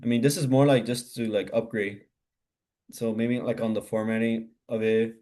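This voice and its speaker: Low, mellow-voiced man giving casual advice. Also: flat delivery, normal speed. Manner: loose, hesitant, many "like" fillers. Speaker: hackathon mentor.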